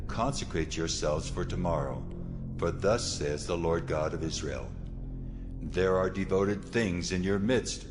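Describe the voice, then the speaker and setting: A deep, stern voice of God, speaks with solemn authority. The delivery is measured scripture drama. Music swells clearly behind the words. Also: male voice. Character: God, stern and commanding divine male voice. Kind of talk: dramatized Bible audio acting. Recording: loud musical score behind.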